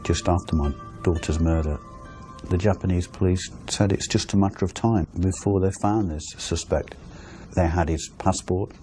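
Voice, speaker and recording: A man's voice: deep voice, fairly even intonation, normal speed, warm tone, faint music behind. A middle-aged man giving sober answers in an interview. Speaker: interviewee, father of a victim.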